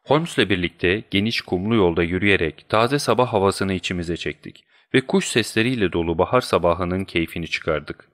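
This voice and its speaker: A man narrating an audiobook in a steady, measured storytelling manner. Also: deep voice, no echo, clean studio sound. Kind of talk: scripted narration.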